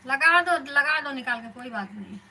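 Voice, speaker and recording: A woman's voice: sits high, lively intonation, moderate pace, sharp tone, slight background noise, rough recording. A woman hosting a live stream, chatting casually with her viewers and calling them elder sister.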